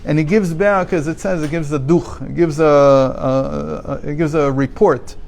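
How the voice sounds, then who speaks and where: Measured man teaching a text class. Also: a little high, steady tone, gravelly, darkish tone. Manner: explanatory, poses rhetorical questions; measured, reads and translates passages aloud. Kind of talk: daily religious text class.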